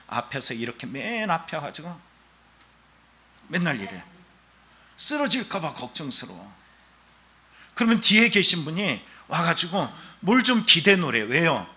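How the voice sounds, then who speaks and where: Male pastor, sermon, lively rising and falling pitch, very bright ringing tone, storytelling delivery. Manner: animated storytelling preaching, acting out quoted voices.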